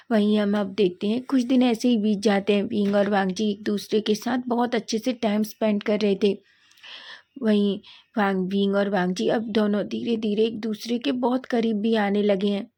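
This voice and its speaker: Mellow-voiced woman narrating a story. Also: mid-range voice. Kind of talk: narrating a fan story aloud.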